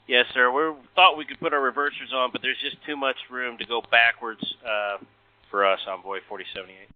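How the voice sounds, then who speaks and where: A man's voice: medium pitch, steady tone, fairly quick, dry recording. A man, an airline pilot, speaking hesitantly over air traffic control radio. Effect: radio transmission. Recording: tinny narrow-band cockpit radio.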